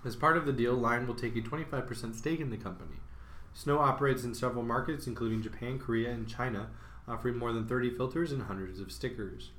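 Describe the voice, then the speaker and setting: A man presenting a scripted tech news segment in an even, measured way. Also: medium pitch, echoey room, slight background noise.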